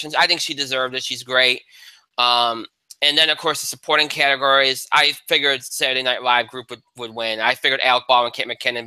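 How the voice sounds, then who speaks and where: A man's voice: mid-range voice, sharp tone, smooth, no room sound, poor audio. A man hosting a casual talk show, analyzing award winners in a rambling way with many restarts. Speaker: podcast host. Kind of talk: casual chat.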